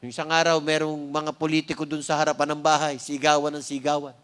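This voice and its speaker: A man with a Filipino accent preaching a sermon, often asking the congregation "Amen?" and slowing down to stress key words, with light joking asides. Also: fairly high pitch, flat delivery, fairly bright tone, clear, resonant tone. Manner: frequent "Amen?" prompts to the congregation. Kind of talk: sermon with opening prayer.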